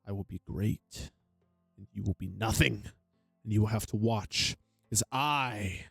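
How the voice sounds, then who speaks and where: A man voices a deranged many-eyed monster from a tabletop game. He mutters to himself in a low, gravelly drawl, swinging between grandeur and confusion. The sound is dry and close. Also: a little slow, no echo, soft background music, full character voice. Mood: brooding.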